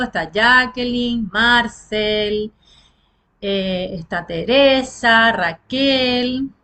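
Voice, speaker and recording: A woman from Cuba opens an online talk over a video call. Her voice sits a little high, and she talks in a loose, chatty way, filling pauses with ums and ehs. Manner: warm, chatty, with many fillers. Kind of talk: casual online welcome.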